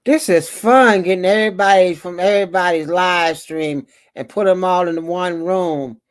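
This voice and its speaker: A man's voice: high voice, normal speed, clean tone. A man from Tennessee with a Southern drawl, a livestreamer chatting casually in loose slang. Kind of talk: casual chat.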